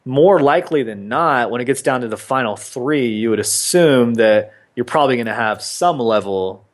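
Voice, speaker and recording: A man's voice: medium pitch, expressive, normal speed. A man co-hosting a podcast in casual chat, rambling along with lots of "man" and "dude.". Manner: laid-back, rambling, says "man" and "dude" a lot. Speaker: podcast co-host.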